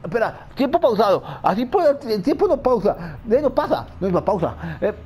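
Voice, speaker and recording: A man's voice: high-pitched, very animated, normal speed, a little mellow. A man giving frantic let's-play commentary, talking to himself and repeating words. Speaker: gamer.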